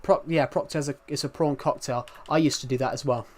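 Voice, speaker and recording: A young UK streamer with a thick regional British accent speaks a little fast in a mid-range voice with fairly even intonation. He rambles to viewers in a chatty, candid way, often starting his sentences over.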